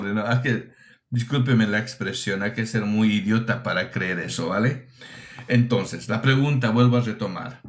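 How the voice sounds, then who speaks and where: A man preaches a teaching sermon in a medium-pitched voice, speaking emphatically, asking rhetorical questions, and repeating his phrases.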